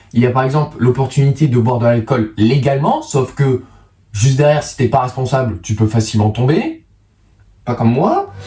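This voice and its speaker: A roughly nineteen-year-old French video creator with a mid-range, darkish voice chats casually to his viewers from his bedroom at home, joking, self-mocking and slangy. He lisps on his s and z sounds, and the sound is roomy.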